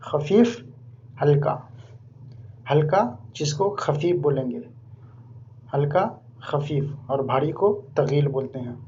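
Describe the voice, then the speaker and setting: A man giving an informal vocabulary lesson, repeating each word slowly several times. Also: fairly high pitch, dark tone. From India. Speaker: language teacher. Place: living abroad in Saudi Arabia. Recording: dull lo-fi recording with faint hum.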